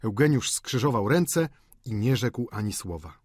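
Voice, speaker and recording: A man narrating a classic novel audiobook in a measured, expressive storytelling manner on a close mic. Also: medium pitch, breathy edge, no room sound.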